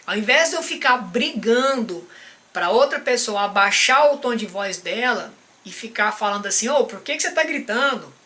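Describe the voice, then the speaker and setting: A man with a Brazilian Portuguese accent, a behavior and emotional intelligence coach giving a live-stream teaching talk. He speaks straight to the viewer and keeps checking in with a quick "tá?". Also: extremely high pitch, sharp tone.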